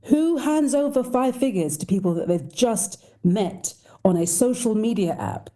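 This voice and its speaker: A woman's voice: a little high, expressive, measured pace, dark tone. A woman voice coach, a podcast guest, speaking emphatically with rhetorical questions. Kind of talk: podcast interview.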